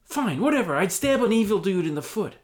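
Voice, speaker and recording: A man's voice: on the high side, very animated, brisk, pitched above the performer's own voice. A man voicing a young hobbit who is anxious, indignant and flustered, protesting earnestly in a parody audio story. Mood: exasperated. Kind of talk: scripted audio fan-fiction parody.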